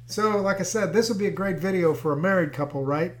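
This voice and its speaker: A male pastor preaches in a relaxed, conversational way, drifting into an anecdote with easy fillers. His speaking voice sits fairly high for a man. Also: a little fast. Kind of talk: sermon.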